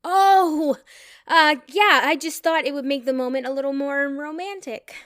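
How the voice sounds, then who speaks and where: A woman's voice: high voice, normal speed, fairly bright tone, dry recording, studio quality. An actress playing a nervous, giggly young woman who is hiding a secret. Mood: flustered. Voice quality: giggly, flustered. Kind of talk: audio drama acting.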